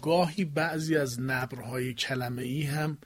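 A man's voice: mid-range voice, slightly rough. A man hosting a discussion on recitation, mostly chiming in with short agreements and questions. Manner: brief agreeing interjections. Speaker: interviewer. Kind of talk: conversational discussion.

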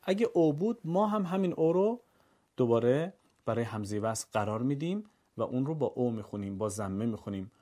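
Mellow-voiced man teaching recitation. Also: mid-range voice, lively intonation. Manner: slow, clear drawn-out recitation of example words. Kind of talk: recorded lesson on recitation rules.

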